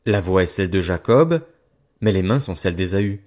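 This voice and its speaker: A man reading the part of an old blind father, grave and measured. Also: low voice, expressive, a little mellow. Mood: solemn.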